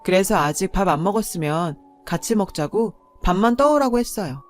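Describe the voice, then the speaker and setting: Female narrator, 30s, mid-pitched, steady confiding storytelling. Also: brisk. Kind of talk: scripted first-person story narration. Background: faint background music.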